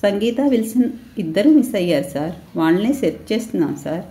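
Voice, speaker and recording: A determined police officer gives short, firm orders to his men , as a woman reads him. The voice is low and mellow in tone. It sounds echoey, as in a bare room. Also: sing-song, a little fast. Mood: stern. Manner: firm, commanding.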